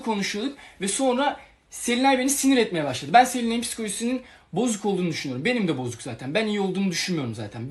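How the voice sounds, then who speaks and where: A young man talking on a livestream, telling a long personal story in an agitated, rambling way and acting out the quarrels he recounts. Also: high voice. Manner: agitated, rambling, retells quarrels with quoted lines. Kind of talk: emotional livestream monologue.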